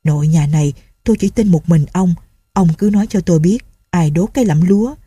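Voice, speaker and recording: A woman's voice: fairly low pitch, brisk, mellow, slightly rough, dry recording, studio quality. A woman doing a humble old male servant. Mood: earnest. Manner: pleading and deferential.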